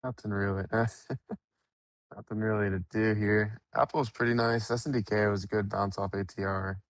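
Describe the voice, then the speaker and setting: A man's voice: fairly low pitch, steady tone, moderate pace, no echo. A man co-hosting a live trading stream, giving laid-back, offhand remarks about the market. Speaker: co-host trader. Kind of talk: casual market chat.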